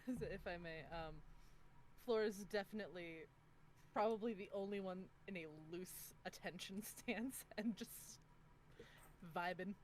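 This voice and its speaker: A woman's voice: medium pitch, measured pace, pauses often, slight background noise. A woman describing her character in a tabletop game, giggling as she talks. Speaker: player. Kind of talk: casual role-play chat.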